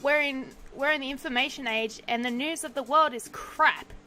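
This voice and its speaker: A man's voice: very high-pitched, moderate pace, sharp tone, full character voice. A woman voicing a young, angry male taxi driver in a video game, ranting heatedly in a put-on accent.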